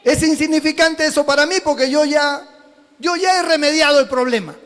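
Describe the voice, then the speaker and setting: A man voicing God as a patient figure who gently reassures a crying child. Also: extremely high pitch, a little fast. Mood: soothing.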